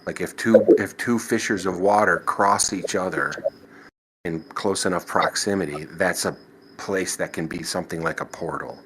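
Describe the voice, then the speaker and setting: A very deep-voiced man talks through his own stories in an easy, rambling way, doubling back on his sentences and dropping in "you know." A faint hiss sits under his voice. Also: moderate pace. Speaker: podcast guest. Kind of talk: casual storytelling of paranormal experiences.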